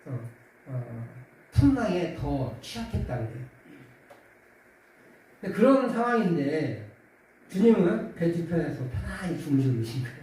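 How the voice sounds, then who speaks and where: Lively pastor preaching in an echoey hall. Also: male voice. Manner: conversational preaching, acts out quoted voices with rising pitch. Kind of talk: sermon. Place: church sanctuary. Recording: echoey church hall from far off.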